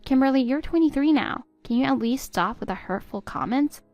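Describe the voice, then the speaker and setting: A woman voicing a patient, hurt middle-aged stepmother who pleads gently with her stepdaughter. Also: high voice, lively intonation, brisk, dry recording, muffled recording, soft background music. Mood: pleading. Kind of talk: text-story voice acting.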